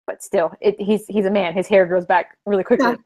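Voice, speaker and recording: A woman's voice: mid-range voice, brisk, mellow. A woman co-hosting a casual podcast, enthusiastic and giggly, often acting out quotes. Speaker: podcast co-host. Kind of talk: casual rewatch chat.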